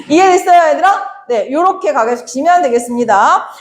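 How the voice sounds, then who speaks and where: A young woman with a high-pitched voice teaches literature to students, talking them briskly through exam questions. She keeps asking rhetorical questions and playfully acts out lines from the texts. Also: animated. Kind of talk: exam problem walkthrough lecture.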